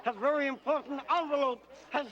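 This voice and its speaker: A man's voice: very high-pitched, fairly even intonation, a little fast, muffled recording, a crowd in the background. A man playing a deferential, fussy royal court official in a theatrical comic fantasy drama.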